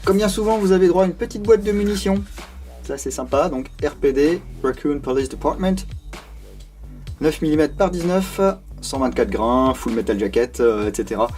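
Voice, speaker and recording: Faint music plays behind a man whose voice is fairly high and a little mellow, moving at normal speed. He's hosting his own casual, unscripted review of a collectible replica, with lots of hesitation fillers and self-deprecating remarks.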